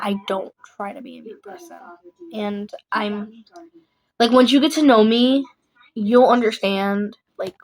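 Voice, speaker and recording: A woman's voice: mid-range voice, rough recording. A young adult woman vlogging in a casual, rambling chat, blunt and emphatic, often repeating herself.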